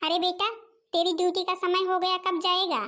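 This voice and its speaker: A woman's voice: extremely high pitch, flat delivery, moderate pace, sharp tone. A woman voicing a stern, stingy middle-aged mother-in-law in a cartoon, scolding harshly. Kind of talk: cartoon voice acting.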